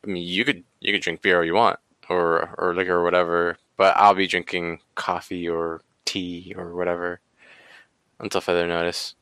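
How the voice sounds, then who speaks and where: A man's voice: low-pitched, flat delivery, normal speed, bright, forceful tone, smooth, dry recording. A man hosting a casual talk show, speaking hesitantly with many fillers. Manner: hesitant, many ums and likes. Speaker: podcast host. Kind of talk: casual chat.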